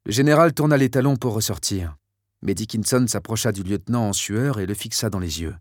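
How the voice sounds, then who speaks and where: A man narrating a novel chapter in a steady, measured reading voice. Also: lowish voice, no echo, clean studio sound. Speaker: audiobook narrator. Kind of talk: scripted narration.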